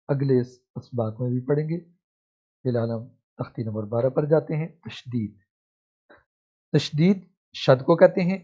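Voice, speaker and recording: A man teaches a reading lesson, spelling each syllable slowly before blending them together. His voice is dark and husky. The recording is dull and muffled. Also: medium pitch.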